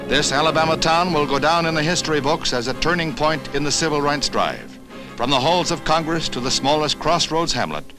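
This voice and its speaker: A man narrating an old 1960s newsreel in a formal, measured announcer's delivery. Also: medium pitch. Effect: old newsreel voice-over. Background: music score under the narration.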